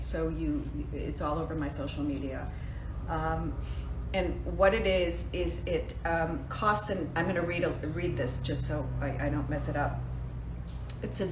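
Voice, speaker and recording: Woman in her 60s, low-ish voice, self-deprecating chatty livestream host, roomy home room, faint hum. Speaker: actress hosting a birthday fundraiser livestream. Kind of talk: casual livestream chat. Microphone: phone at arm's length. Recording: roomy home phone recording.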